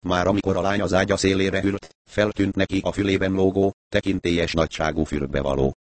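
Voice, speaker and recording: A man narrating an audiobook in an even, measured reading. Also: low-pitched, dry recording.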